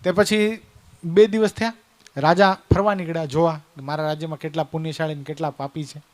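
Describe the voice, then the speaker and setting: A man's voice: a little high, steady tone, a little fast. A man telling a devotional story in a sermon, chatting and questioning his listeners. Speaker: preacher.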